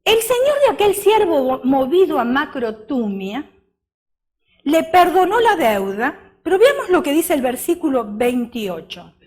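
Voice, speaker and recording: Lady preaching, high voice swinging up and down, slow and deliberate, keeps asking the crowd questions. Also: sing-song. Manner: asks the congregation questions and dramatizes the parable. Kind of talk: sermon.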